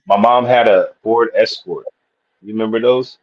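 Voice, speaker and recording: Speaking at a moderate pace in a voice on the low side, this Missouri man spins loose, rambling stories during a laid-back live panel. His talk is profane and meandering, captured in dull, lo-fi stream sound.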